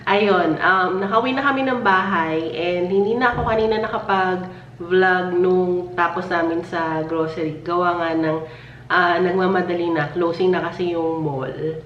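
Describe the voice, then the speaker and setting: A woman talks casually to her viewers from home, laughing often between sentences. Her voice sits a bit low and sounds faintly hoarse, with a cough now and then after a recent illness. The recording is distant and roomy, with muffled, dull highs. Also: steady tone, unhurried, a little hiss or hum. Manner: chatty and giggly, with frequent laughs. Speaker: family vlogger. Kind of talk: casual chat.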